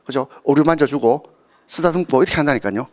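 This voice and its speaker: A man's voice: medium pitch, fast. A man, giving an exam-prep history lecture, often checking with students through short tag questions and telling anecdotes. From Gyeongsang region of Korea. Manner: tells anecdotes and acts out quoted speakers.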